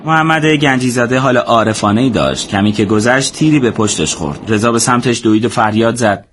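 Steady male audiobook narrator. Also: mid-range voice, a little hiss or hum. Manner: steady, measured storytelling.

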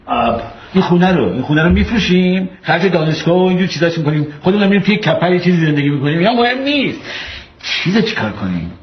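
An actor playing a joking young husband who plans the costs of a baby in a mock-cheerful, sarcastic way. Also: male voice, high-pitched, sing-song. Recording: roomy, dull clip with faint ambience.

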